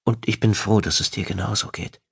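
A man's voice: lowish voice, fairly even intonation, a little fast, gravelly, a bit bright, husky, no room sound, studio quality, pitched above the performer's own voice, heavily acted. A man voicing a playful, teasing wife in an audiobook, speaking in a raised, lighter voice. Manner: playful, needling, then caring. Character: teasing affectionate wife, adult woman. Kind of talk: audiobook dialogue.

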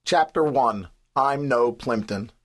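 A man in his forties from the New York City area reads his own memoir in a studio, with a mid-pitched voice. His delivery is wry and understated, poking fun at himself. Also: takes it slowly. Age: 40s. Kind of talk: scripted audiobook narration.

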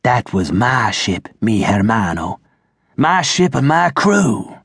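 A man's voice: fairly low pitch, sing-song, slow, fairly bright tone, husky, no echo, studio quality, exaggerated voice. A man voicing an easygoing male vampire with a folksy, slangy drawl in an audiobook. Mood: sorrowful. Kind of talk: audiobook character voice.

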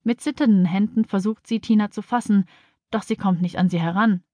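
Female narrator for a children's audiobook, clear storytelling, dry close studio mic. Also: medium pitch, brisk, mellow, no echo.

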